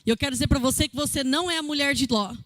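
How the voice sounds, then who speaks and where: A woman teaching a church worship workshop, lively and often checking in with the audience. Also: sits high, rapid-fire, dry recording. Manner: lively, addresses the audience with frequent "amém?". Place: church event hall.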